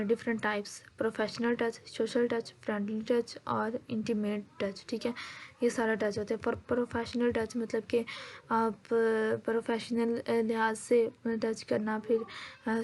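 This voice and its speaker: A woman lecturer going over exam material. She mixes in English terms, says "ठीक है" again and again, and fills her pauses with "uh". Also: on the high side, little pitch movement, darkish tone.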